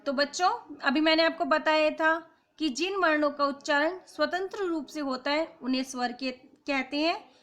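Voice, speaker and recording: A woman teacher giving a grammar lesson to children, explaining slowly and sounding out letters one by one. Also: sits high, fairly bright tone. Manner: slow, deliberate explanation, spelling out sounds one by one. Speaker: school teacher.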